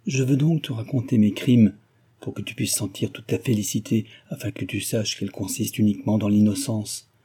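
A man's voice: on the low side, steady tone, moderate pace, dark tone, slightly rough. A man voicing a stern, brooding older man who moralizes severely, read as a character in an audiobook. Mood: grave confession. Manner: severe, reproachful declaiming.

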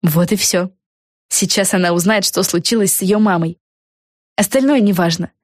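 A woman narrating a children's storybook in clear, expressive storytelling. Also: medium pitch, normal speed, dry recording, clean studio sound. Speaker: audiobook narrator.

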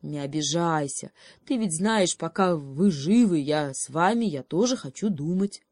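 A woman's voice: deep voice, expressive, measured pace, a little mellow, dry recording, clean studio sound. A woman voicing a mocking male raven in a storybook who stammers into caw-like sounds. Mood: teasing. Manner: stretches and repeats sounds like a caw.

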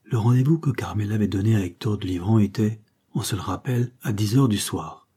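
Man reading an old novel aloud, dark mellow voice, a bit husky. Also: on the low side, fairly quick. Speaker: audiobook reader. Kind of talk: audiobook narration.

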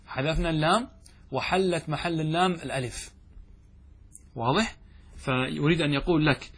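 Guy teaching grammar from an old text, kinda husky, slightly high voice, slows down on examples. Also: fairly bright tone. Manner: asks questions and answers them himself; slows and stretches example phrases. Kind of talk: classical text lesson with explanation.

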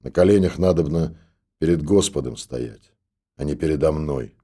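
A man voicing a gruff, scolding stoker who grumbles and orders others about. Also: a bass voice, normal speed, dark tone. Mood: stern. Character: gruff old stoker in a monastery.

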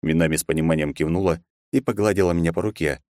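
A man narrating a first-person audiobook in expressive, lively storytelling. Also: low voice, fast, no echo, studio quality.

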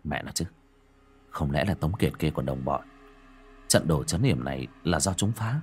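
Young male exorcist, storybook fantasy, male reader. Brash leader type, deep, terse and brisk. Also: expressive, soft background music. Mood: tense. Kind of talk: audiobook character acting.

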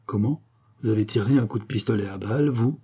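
A man reading aloud, voicing a calm, dignified king speaking gently to his wife. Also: on the low side, quick pace, husky. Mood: gentle. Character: calm noble king, middle-aged man.

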